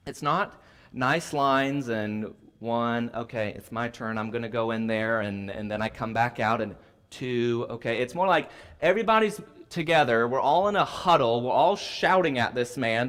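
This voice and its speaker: A man speaking in a church class, telling a travel story in a rambling, animated way and often correcting himself. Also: medium pitch. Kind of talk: casual storytelling talk.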